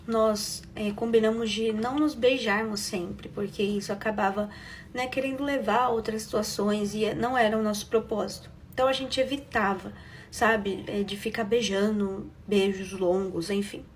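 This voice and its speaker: A woman's voice: medium pitch, moderate pace, slight background noise. A young Brazilian woman telling a personal story in a casual, emotional confessional way, acting out what others said. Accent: Brazilian Portuguese. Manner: emotional, conversational, quotes others with lively shifts.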